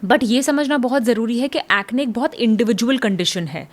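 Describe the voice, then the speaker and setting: A woman dermatologist explaining skin care calmly, giving advice and mixing in English medical terms. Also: on the high side, normal speed. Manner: calm, advisory, mixes English terms.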